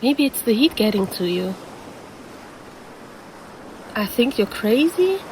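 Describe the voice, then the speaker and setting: A woman's voice: fairly high pitch, sing-song, slow, darkish tone, a little hiss or hum, poor audio. A woman voicing a predatory female siren who poses as a lifeguard and teases the listener in an audio roleplay. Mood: concerned, puzzled. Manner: teasing, calls the listener handsome.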